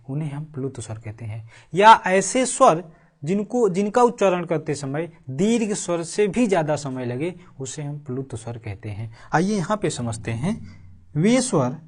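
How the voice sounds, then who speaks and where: This exam-prep Hindi teacher speaks at medium pitch with big pitch swings, running an online lesson in a repetitive drilling style. Key phrases are broken down word by word and repeated slowly, punctuated by constant rhetorical questions checking on the class.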